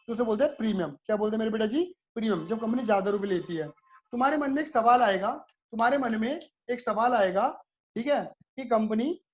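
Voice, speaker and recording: A man's voice: high-pitched, a little mellow. A male commerce teacher giving a video lecture. He asks questions, answers them himself, repeats key terms and calls his students "my son". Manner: repetitive, drilling terms.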